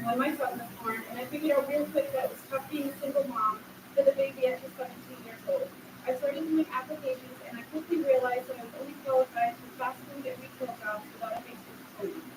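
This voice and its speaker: A high-pitched woman in her thirties, a graduating adult student, reads a sincere and emotional speech from a podium. She's in a large, echoey hall at a graduation ceremony, recorded from a distant mic with faint noise.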